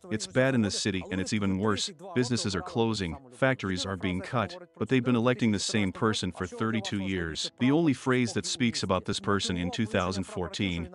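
Grave male documentary narrator, crowd behind. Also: fairly low pitch.

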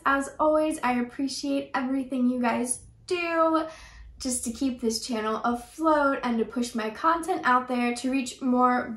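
High-voiced woman vlogging in an echoey room. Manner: relaxed, chatty, frequent "like" fillers. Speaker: unboxing vlogger. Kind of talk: casual unboxing chat. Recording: roomy echo.

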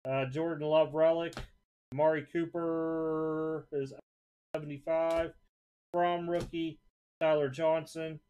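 A man's voice: fairly high pitch, darkish tone. Offhand man rattling off trading cards. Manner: offhand, rattles off card names in quick lists. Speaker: card shop host previewing auction items. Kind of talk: casual live-stream chat. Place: indoor desk with card displays, off camera.

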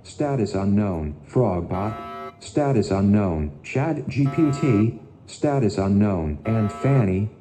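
A man's voice: fairly low pitch, animated, slow pace, music in the background. A man voicing a bossy facility AI. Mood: announcing. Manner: announcer-like, drops casual slang. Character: slangy, bossy male facility AI system. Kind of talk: fan-animation voice acting.

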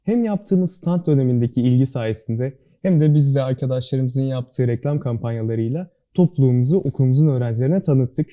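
A guest on the interview, the young man sits on a student club board and delivers earnest answers briskly in a very dark, mellow voice of medium pitch. He speaks with careful precision and a steadily formal, serious bearing.

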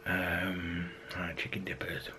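At a measured pace, his low-pitched voice comes across flat yet pushed and bright, with a little hiss or hum. He's a vlogger in his thirties casually rambling, hesitant and full of ums, to a handheld camera at arm's length for a daily vlog. Locations run from an outdoor park to a car to his home.

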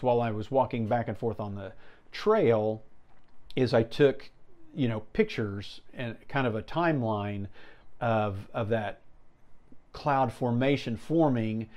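Man, fifties, American accent, medium pitch, casual podcast chat, rambling conversational storyteller. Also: a little mellow. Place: small indoor room with brick wall and shelves. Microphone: lapel mic.

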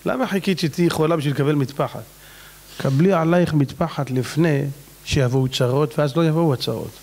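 A man, a rabbi, preaching a dramatic, exclaiming storytelling sermon. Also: darkish tone. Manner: dramatic, exclaiming, swings in pitch.

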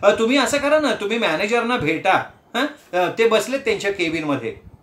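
A man's voice: sits high, big pitch swings, a little fast, fairly bright tone, echoey room. A man doing a breezy, dismissive young woman clerk. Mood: airy. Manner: airy, breezy brush-off.

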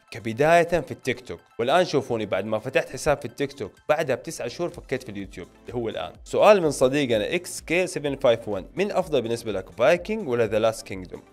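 Speaking very quickly in a mid-range voice, a Saudi film and series YouTuber in his late twenties with a Hejazi accent runs a casual Q&A to camera. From a small home studio, close to a stand-mounted microphone, he reads viewer questions aloud and answers them informally, directly addressing his audience over music playing underneath.

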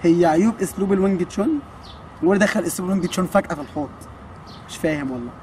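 A man's voice: high voice, rapid-fire, darkish tone, slight background noise. A man in his twenties with an Egyptian accent, a kung fu coach answering viewer questions in a joking, teasing way. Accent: Egyptian Arabic. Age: 20s. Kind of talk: casual Q&A.

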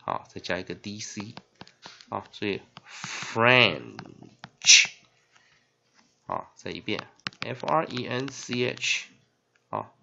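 A man teaching English spelling and phonics in Mandarin with a Taiwanese accent, spelling words out letter by letter and filling pauses with drawn-out "ah" sounds. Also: fairly low pitch, gravelly, slight background noise. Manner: spells words letter by letter, heavy fillers, lively emphasis. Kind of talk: classroom-style phonics lesson. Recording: dull lo-fi recording.

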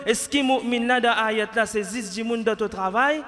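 A man's voice: extremely high pitch, normal speed, fairly bright tone, big-room sound. A man in his thirties with a Mauritian Creole accent, preaching a Friday sermon in a mosque at a stand mic. He asks rhetorical questions with passion and shifts into Arabic recitation. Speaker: imam. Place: mosque prayer hall, indoors. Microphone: stand mic close to mouth.

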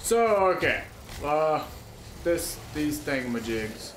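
A man's voice: on the high side, takes it slowly, a bit bright. A young man playing a game and chatting casually in short, offhand, sweary remarks. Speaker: gamer playing and commenting. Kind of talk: casual gameplay chat. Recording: echoey with faint game noise.

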